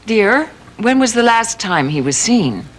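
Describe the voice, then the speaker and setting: A woman's voice: fairly high pitch, sing-song, a little slow. An actress playing a refined middle-aged mother in a 1980s daytime soap, genteel and fond of calling people darling, heard from an old VHS tape recording. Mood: excited. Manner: genteel, says "darling" often. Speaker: soap opera character, a mother.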